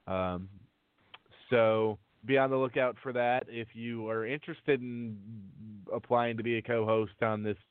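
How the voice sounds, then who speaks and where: A man's voice: mid-range voice, fairly even intonation, unhurried, clear, resonant tone, no room sound. A man speaking casually as a podcast co-host. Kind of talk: casual chat. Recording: tinny, phone-like dry connection.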